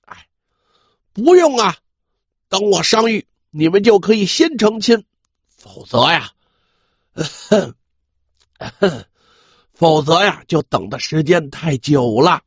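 A man, a dramatic storyteller, voicing a wounded Mongol khan who feigns weak, humble conciliation in a gravelly, halting, sighing voice. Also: a little high, animated, no room sound, heavily acted. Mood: weak, pained. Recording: dull, slightly lo-fi audio.

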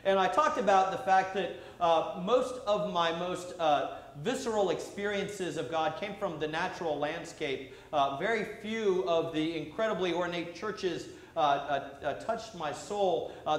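A man, a priest, preaches a sermon into a pulpit microphone in a church, halting often with "uh" fillers. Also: a little high. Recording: echoey church sound with faint hum.

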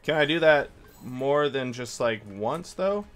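A man's voice: medium pitch, animated, measured pace. A man giving casual gameplay commentary as a streamer, muttering slangy reactions. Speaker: game streamer. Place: small indoor room at a desk. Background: game music, keyboard clicks and typing.

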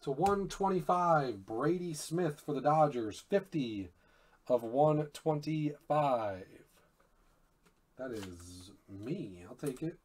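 Slow, low-key man opening cards. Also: husky. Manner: slow and low-key, bursts into loud excited shouts on big pulls. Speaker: card break host. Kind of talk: live card-break commentary.

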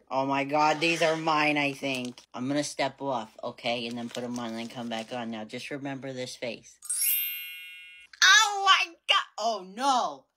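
Low-voiced woman, numb from the dentist. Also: slight background noise. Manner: playful, swearing, self-assured. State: mouth half numb from the dentist. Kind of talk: casual chat to camera. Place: small wood-panelled room indoors. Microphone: phone at arm's length or a little further.

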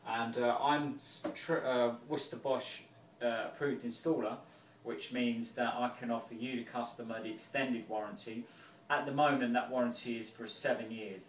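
A man's voice: mid-range voice, a little hiss or hum. A man in his thirties, a heating engineer, explaining an installation in a home kitchen and hallway in a chatty, informal way with many fillers. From England. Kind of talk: casual walkthrough explaining an installation. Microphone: camera-mounted mic, filmed by someone else. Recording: roomy, distant camera sound.

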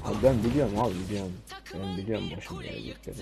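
A young man playing a mobile game and commenting casually, swearing and getting loudly frustrated. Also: fairly low pitch, sing-song, very fast, vocal fry, over music. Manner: frustrated, swearing, loud bursts of anger. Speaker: gamer streamer.

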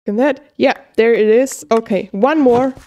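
A woman commentating her own gameplay, excitable, gasping and pleading with the game as she plays. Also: a little high, unhurried, muffled recording. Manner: excitable, gasps and squeals with delight. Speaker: gaming video creator.

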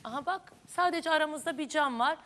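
A woman's voice: sits high, fairly quick, pushed and bright. A woman hosting a daytime talk show, questioning guests and walking them through events step by step in a television studio. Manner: probing, reasoning step by step.

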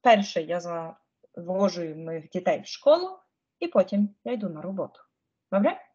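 A woman's voice: lowish voice, very animated, normal speed, warm tone, husky, dull audio. A woman giving an online Spanish lesson in a chatty, informal way, often checking whether her students follow. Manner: frets about pressing buttons. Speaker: Spanish teacher.

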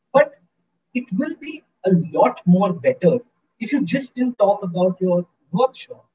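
Brief: high-pitched man leading a student workshop, upbeat and coaxing, muffled lo-fi call audio. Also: darkish tone, slight background noise. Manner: upbeat, coaxing, keeps asking the audience. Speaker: guest speaker in a student workshop. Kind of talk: interactive online lecture.

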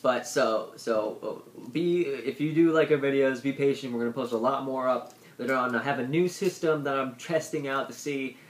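A man's voice: mid-range voice, normal speed, few pauses. A man in his twenties chatting casually as the host of a homemade video. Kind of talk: casual chat. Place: small room indoors. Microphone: tablet at arm's length. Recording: roomy echo, noisy tablet microphone.

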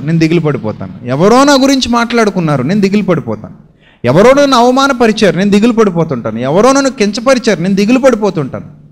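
Telugu preacher man, rises and drops. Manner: asks the listeners questions and answers them, with homely everyday examples; swings between a low, quiet voice and raised, drawn-out emphatic lines. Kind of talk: sermon.

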